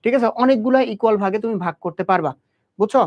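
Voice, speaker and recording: A man's voice: high-pitched, rapid-fire. A young man tutoring biology in an exam-prep lecture. He talks straight to the student and keeps asking questions that he answers himself. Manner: quizzing, asks and answers own questions. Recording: dull lo-fi audio.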